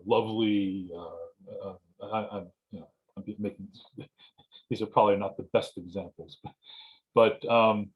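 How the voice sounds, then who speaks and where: A man lecturing informally to students as a writing instructor on a video call, halting and often restarting his phrases. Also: fairly low pitch. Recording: dull, muffled lo-fi audio.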